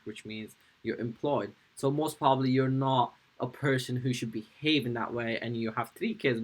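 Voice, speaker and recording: A man hosting a casual reaction video, middle-pitched and talking straight to his viewers. He sounds agitated and halting, breaking off and restarting as he speaks. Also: poor audio.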